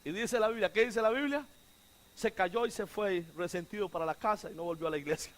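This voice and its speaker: Pastor guy preaching, really high sharp voice, gets folks to repeat after him. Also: a little fast. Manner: preaching with sudden shouts and hushed dramatic quotes. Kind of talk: sermon.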